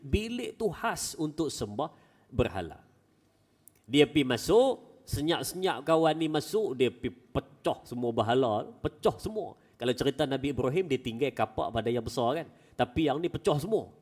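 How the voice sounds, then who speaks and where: A male preacher giving a Friday mosque sermon as an animated storyteller with folksy asides. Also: a little high, in a large hall. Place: small mosque prayer hall.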